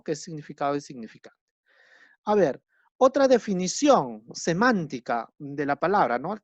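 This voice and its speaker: A man's voice: high-pitched, dry recording. A man teaching a class, explaining patiently, repeating key terms and checking understanding with frequent tag questions. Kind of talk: recorded lecture. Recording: dull lo-fi recording.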